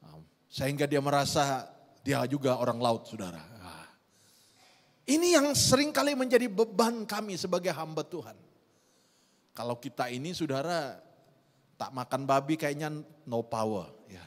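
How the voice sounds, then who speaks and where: A middle-aged man, preaching a sermon in a lively storytelling way and often addressing the congregation directly. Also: a little high, normal speed, long pauses. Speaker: pastor. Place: church hall. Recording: long church hall reverb.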